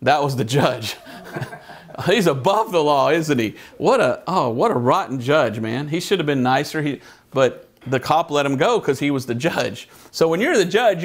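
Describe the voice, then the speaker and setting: A man preaches a Bible study to his church with a gravelly, creaky edge to his voice. His pitch sits in the middle range. He tells everyday stories in a chatty way and keeps checking in with the congregation. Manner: conversational storytelling, asks the congregation questions.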